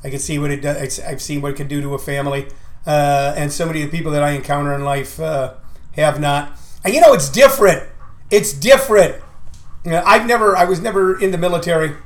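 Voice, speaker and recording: A man's voice: fairly high pitch, fairly quick. A man talking in a rambling, comic monologue as a comedian and show host, with a folksy, emphatic manner that leans on repeated phrases. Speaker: comedian and show promoter hosting his own talk.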